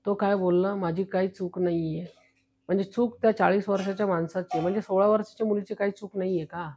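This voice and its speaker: A woman's voice: mid-range voice, fairly even intonation, fast, a little mellow. A woman spiritual guru giving a devotional talk, recounting a counseling case in a stern, preachy storytelling manner.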